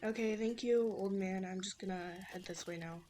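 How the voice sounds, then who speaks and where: A woman's voice: medium pitch, normal speed, dark tone, slight background noise. A young woman giving casual, instructive gameplay commentary as a let's play host, chatty and with many fillers.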